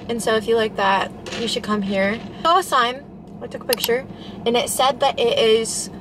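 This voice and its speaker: This casual vlog features a young woman in her twenties with a slightly high voice, upbeat and talkative as she rates coffee drinks. Filmed in her car and at cafes on a close-up handheld camera or phone, it has a noisy background and music underneath.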